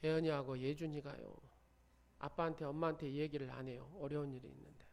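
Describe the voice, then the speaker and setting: Fervent high-voiced preaching man. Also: flat delivery, fast talker, gravelly. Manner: fervent preaching, shouting proclamations then dropping to near whispers. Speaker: pastor. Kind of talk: sermon. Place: church sanctuary.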